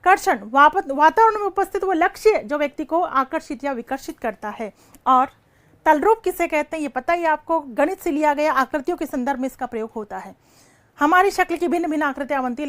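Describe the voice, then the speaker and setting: A woman's voice: high voice, expressive, a little fast, fairly bright tone. A woman teacher giving a live online lecture, asking questions and answering them herself, and calling her students "beta". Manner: calls students "beta" affectionately.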